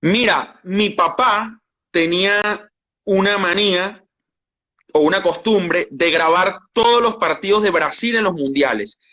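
A man's voice: high-pitched, unhurried, muffled recording. A man with a Venezuelan accent, a sports journalist telling his stories in a casual interview with frequent restarts. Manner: animated storytelling with frequent restarts.

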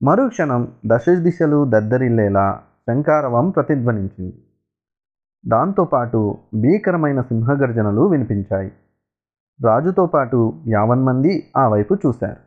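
A man narrating a story in a lively, dramatic storytelling manner. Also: mid-range voice, a little slow. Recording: tinny phone-like sound.

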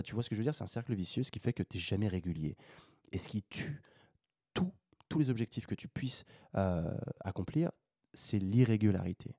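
A man's voice: low voice, dry recording, studio quality. A man hosting a solo podcast, talking off the cuff and rambling to the listener like a buddy, swearing casually and rising when he makes a point. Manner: animated rises when making a point. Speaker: podcast host.

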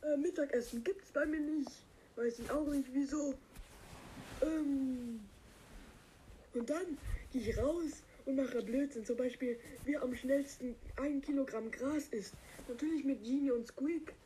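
A dim-witted green cactus fellow, voiced by a man through a voice changer that lifts him high and soft. He drawls slowly in a dark, mellow tone and rambles on with silly, halting asides. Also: a little hiss or hum, poor audio. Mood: goofy. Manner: rambling, silly, slow, halting with many fillers. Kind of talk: comic character monologue.

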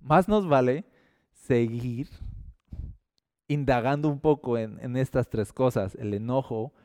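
Man, preacher, sermon, conversational, acts out quotes, warm smooth voice, dry close sound. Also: medium pitch, takes it slowly, dry recording. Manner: animated, conversational, acts out little quoted exchanges.

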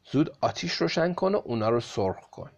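A man voicing a brisk peasant farmer. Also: mid-range voice, animated, creaky, dull audio. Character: cheerful male peasant farmer.

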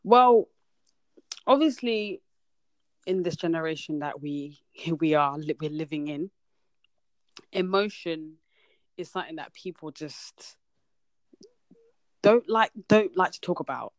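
A woman's voice: deep voice, lively intonation, takes it slowly, pauses often, dry recording. Young woman hosting, dry sound. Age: young adult. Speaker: podcast host. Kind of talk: casual podcast chat.

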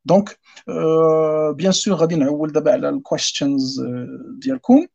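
Male lecturer, Moroccan accent, rapid and slightly high husky voice, mixing in French, on a dull lo-fi online call. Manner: animated, switches often between Arabic and French. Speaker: guest speaker giving a talk on film history. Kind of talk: informal lecture and discussion.

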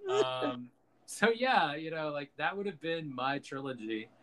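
A man's voice: a little high, big pitch swings, a little slow, noisy background. A man co-hosting a casual film chat, talking loosely and profanely and laughing at his own jokes.

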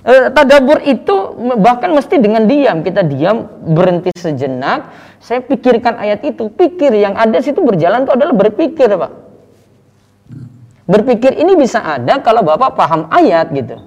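A man's voice: extremely high pitch, sing-song, normal speed, a little mellow, long reverb tail. A man, a religious teacher, answering questions casually and explaining with everyday examples. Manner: explains with everyday examples, keeps addressing the asker.

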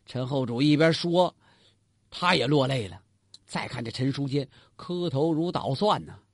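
A male storyteller, telling a traditional tale in a lively way, talking straight to the listener and asking and answering his own questions. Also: medium pitch, a little slow, no room sound, studio quality.

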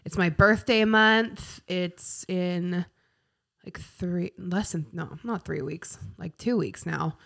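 A bubbly woman co-hosting a relaxed podcast, a vlogger who gushes about what she loves and laughs easily. Her voice sits a little low for a woman. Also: takes it slowly, vocal fry. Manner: bubbly, laughs often, gushing. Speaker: podcast co-host. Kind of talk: casual chat.

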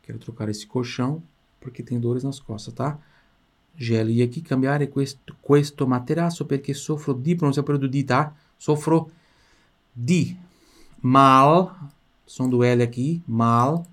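A Portuguese-speaking man teaching an Italian lesson, stretching words out slowly for pronunciation and then chatting quickly in between. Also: medium pitch, darkish tone. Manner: slow, drawn-out pronunciation drills between quick asides. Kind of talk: language lesson.

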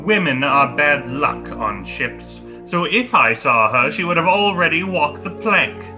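An actor playing a vengeful pirate captain in an audio drama, with slow, theatrical menace. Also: mid-range voice, expressive, pushed and bright. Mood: menacing. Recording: music behind the voice.

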